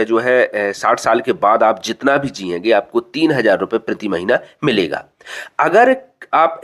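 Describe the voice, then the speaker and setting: A man giving a casual spoken tutorial that explains a government scheme, chatty, repeating and rephrasing his points with fillers. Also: medium pitch.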